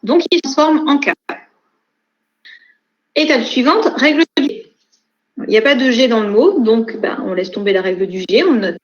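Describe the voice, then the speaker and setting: A young woman teaching a class, walking through each step methodically and pausing on fillers as she goes. Her voice sits a bit high. The recording is echoey and somewhat dull. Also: lively intonation. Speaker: university lecturer. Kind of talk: online lecture.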